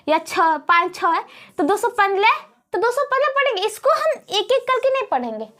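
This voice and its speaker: A woman's voice: very high-pitched, fairly bright tone. A woman math teacher with a Bihari Hindi accent, explaining rules step by step to students in a classroom lesson.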